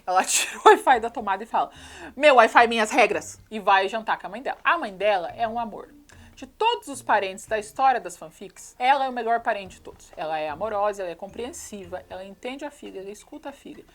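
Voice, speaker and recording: Fast-talking sarcastic Brazilian woman. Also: medium pitch, animated. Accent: Brazilian Portuguese. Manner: sarcastic, mocking. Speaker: YouTube commentator. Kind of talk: comedic film recap.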